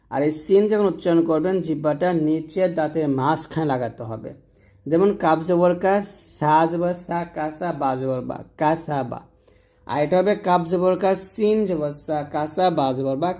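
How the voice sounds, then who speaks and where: A man teaching Quran recitation, who stretches out each word slowly and contrasts thin and thick letter sounds by repeating them. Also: on the high side, warm tone. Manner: slow, drawn-out demonstration of letter sounds. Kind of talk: pronunciation lesson.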